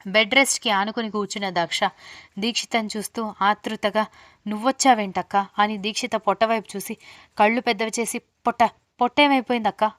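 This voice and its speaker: A woman narrates a romance story in a steady, scripted audiobook style. Her voice sits at a middling pitch. The recording is dry and close, with no room sound. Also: fast talker, no echo.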